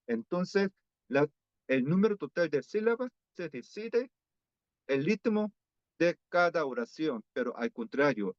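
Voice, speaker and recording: A man with a Korean accent lectures slowly and carefully, stopping to restart words and repeat examples. His voice sits a little high. The sound is dry and somewhat dull, like a lo-fi online session. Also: dry recording. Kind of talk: academic lecture on pronunciation.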